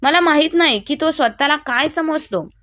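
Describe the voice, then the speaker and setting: A woman voicing a stubborn, angry young wife who speaks in a sharp, defiant way. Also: high voice, lively intonation, normal speed, dry recording, studio quality, voice pushed up. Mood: indignant.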